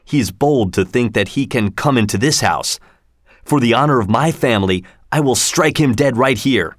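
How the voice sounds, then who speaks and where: A man's voice: mid-range voice, animated, normal speed, dry recording, clean studio sound, natural voice. A man voicing Tybalt, a hot-tempered young nobleman who speaks in angry, clipped lines.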